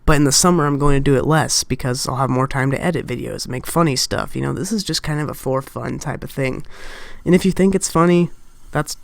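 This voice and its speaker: A woman's voice: a bass voice, brisk, creaky, dry recording. A young woman talking casually and ramblingly in a game-theory vlog, close to her mic at home, often breaking off and restarting. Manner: rambling, self-interrupting, distracted. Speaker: YouTuber. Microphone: close desk mic.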